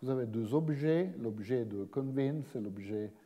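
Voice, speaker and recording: A man giving an academic seminar lecture in a measured way, pausing often and restarting his phrases. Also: mid-range voice, mellow. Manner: measured, frequent hesitations and restarts. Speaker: guest lecturer. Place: lecture hall. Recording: long reverb of a lecture hall.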